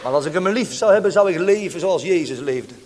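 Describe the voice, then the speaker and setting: A man's voice: high voice, lively intonation, a little fast, darkish tone, long reverb tail, slight background noise. A male pastor preaching a fervent, declamatory sermon in a church, firing rhetorical questions at the congregation.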